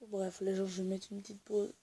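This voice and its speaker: A woman's voice: medium pitch, monotone, brisk, mellow, a little hiss or hum. A young woman filming a casual home-tour vlog, rambling with many fillers and restarts while she is sick. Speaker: YouTuber. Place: at home indoors.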